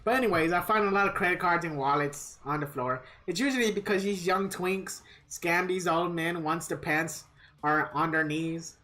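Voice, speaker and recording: With plucked guitar music in the background, a woman chats with viewers during a game livestream, complaining and cursing without restraint. She speaks at a moderate pace in a lowish voice with a fairly bright tone.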